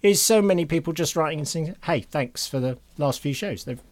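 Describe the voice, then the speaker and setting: A man's voice: a little high, animated, brisk. A man with a British accent chatting casually and jokily as a podcast co-host, often ready with a chuckle. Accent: British English.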